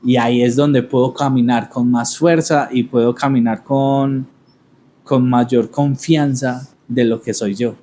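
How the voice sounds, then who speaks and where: A man in a reflective conversation, speaking at an ordinary middle pitch. He talks thoughtfully and haltingly, restarting phrases and circling back to his words before he goes on. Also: steady tone, dark tone, a little hiss or hum. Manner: thoughtful, halting, repeats words while searching. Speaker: podcast host.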